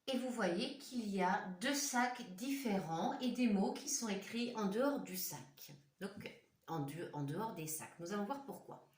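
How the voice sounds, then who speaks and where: A woman teaching young children a phonics lesson, speaking slowly and clearly and sounding out words syllable by syllable. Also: mid-range voice, animated, recorded from a distance. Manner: slow, clearly articulated, repeats words syllable by syllable; talks directly to children, asking questions. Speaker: primary school teacher. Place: classroom or home room with a whiteboard. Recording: echoey room, voice from afar.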